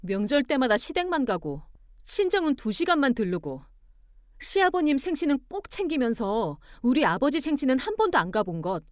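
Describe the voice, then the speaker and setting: A woman voicing a composed young wife who argues back calmly and pointedly. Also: a little high, no room sound, clean studio sound. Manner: calm, pointed, arguing with cool logic.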